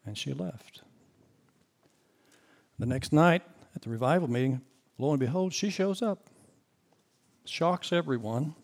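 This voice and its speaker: A man's voice: on the high side, animated, a little slow, gravelly, pauses often, a little mellow. A middle-aged man preaching a sermon, telling a story earnestly with hesitant fillers.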